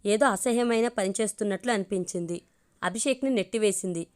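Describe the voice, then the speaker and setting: A woman storyteller reading a romantic family story aloud in a steady, expressive way. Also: medium pitch, a little fast. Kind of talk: storybook narration.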